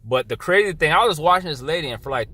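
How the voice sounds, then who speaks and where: A young man ranting to camera in a blunt, profane casual vlog, dropping to a low mutter and then jumping to loud outbursts. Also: lively intonation, fast, slight background noise. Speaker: vlogger. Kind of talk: casual opinion rant.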